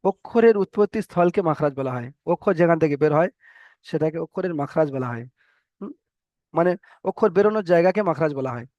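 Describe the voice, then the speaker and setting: A man teaching a Quran recitation class online, who explains slowly and repeats each rule and letter sound for his students. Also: a little high, expressive, a little mellow, no echo, lo-fi sound. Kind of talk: online tajweed lesson.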